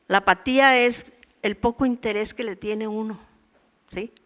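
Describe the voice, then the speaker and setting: A woman's voice: a little high, normal speed, fairly bright tone. A woman in her sixties teaches a women's church meeting in a chatty, storytelling sermon, acting out everyday voices. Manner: conversational preaching, acts out voices from daily life and her past.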